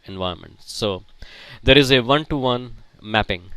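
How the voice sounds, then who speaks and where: A man teaching a technical lesson, speaking haltingly with frequent fillers and restarts. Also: mid-range voice, sharp tone, clear, resonant tone, dry recording. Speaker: IT instructor. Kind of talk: technical lecture.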